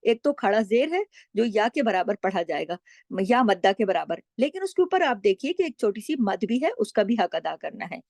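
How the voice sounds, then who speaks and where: A woman's voice: medium pitch, sing-song, moderate pace, a little mellow, no echo. A middle-aged woman teaching recitation rules, explaining patiently and asking and answering her own questions. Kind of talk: explaining tajweed rules, with slow recited examples.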